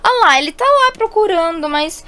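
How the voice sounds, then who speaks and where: Brief: a Brazilian woman as an anxious teen big sister with a very high voice, all dramatic sighs and cries, for a game roleplay story. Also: animated, moderate pace, bright, forceful tone, full character voice. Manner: dramatic, fretful exclamations. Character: worried teenage girl, anxious big sister.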